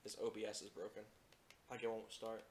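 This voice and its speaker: A man's voice: on the low side, flat delivery, a little fast, a little mellow. A man hosting a casual livestream podcast, hesitant and full of ums, trying to keep things professional. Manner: hesitant, lots of ums, tries to stay professional. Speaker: podcast host. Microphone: streaming setup mic. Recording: roomy echo, light noise.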